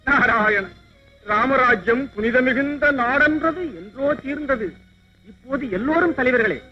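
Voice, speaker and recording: An actor playing a wry, meddling divine sage who wanders the worlds carrying news, speaking with a sly, sing-song manner. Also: male voice, extremely high pitch, a little slow. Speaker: film character. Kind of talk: dubbed mythological film acting. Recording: dull lo-fi old film soundtrack with music.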